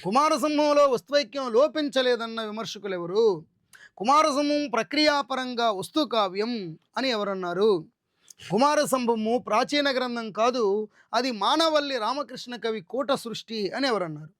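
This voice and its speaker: A man with a strikingly high voice leads an exam-prep lesson. He works through answer options and lists terms one by one, with frequent repetition. The sound is dry and close. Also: expressive, normal speed, a bit bright, dry recording. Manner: addresses students directly, checking options. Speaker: Telugu literature teacher.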